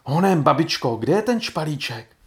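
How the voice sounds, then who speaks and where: A man voicing an eager young boy in a storybook reading, exclaiming excitedly. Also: on the high side.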